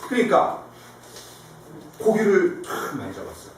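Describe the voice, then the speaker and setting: Recorded from a distance in an echoey church sanctuary with faint noise, this pastor delivers his sermon through lively storytelling, voicing quoted lines and questioning the congregation. He speaks at a moderate pace in a high-sitting voice.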